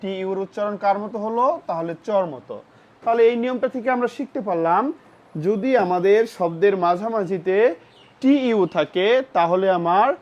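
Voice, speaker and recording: Teacher for a children's phonics lesson, patient and repetitive, mid-pitched voice, muffled recording. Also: darkish tone. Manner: spells words letter by letter and asks questions of the pupils; patient, repeats each word and its meaning. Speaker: English vocabulary teacher for children. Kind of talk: classroom-style phonics lesson.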